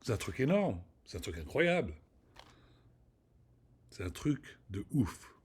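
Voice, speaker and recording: A man from Rennes in Brittany, rambling through a casual solo vlog with an excitable pep talk and casual swearing. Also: fairly low pitch, slow, breathy edge. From Rennes, Brittany, France. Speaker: vlogger.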